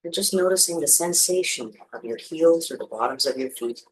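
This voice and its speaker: A meditation teacher with a medium-pitched voice leads listeners through a practice, speaking gently and soothingly and leaving space between instructions. The delivery is expressive and brisk, and the audio quality is poor.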